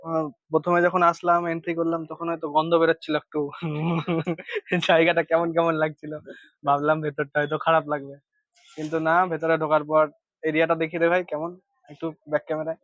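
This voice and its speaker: A young man, the vlogger's travel companion, chatting casually on camera in a relaxed storytelling way. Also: a little high, fairly quick, no echo, highs cut off.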